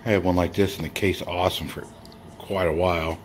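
A deep-voiced man with a level tone speaks fairly quickly as he shows his toy car finds on a bedsheet indoors, filmed on a handheld phone. The vlog is casual and meandering, with frequent chuckles and fillers, and a little hiss or hum can be heard.

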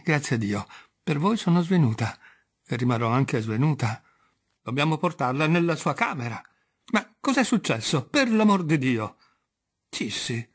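A man reads a novel aloud in full, telling a first-person inner monologue with real drama. His voice is mid-pitched and slightly husky, and it climbs into sharp cries, then sinks to near-whispered murmurs. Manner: dramatic first-person reading, swinging between raised cries and hushed murmurs. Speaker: audiobook reader. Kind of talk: unabridged literary audiobook reading.

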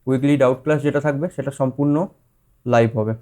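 In a dark, mid-range voice with fairly even intonation and a brisk pace, a male teacher introduces his course informally. He uses Bengali-accented English loanwords, keeps rephrasing with many fillers, and checks in with students conversationally.

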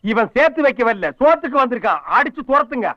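An actor playing a sarcastic, scolding comic lead in a film comedy scene, firing off quick insults. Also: male voice, extremely high pitch, lively intonation, no echo. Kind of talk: Tamil film comedy dialogue. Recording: dull lo-fi film soundtrack.

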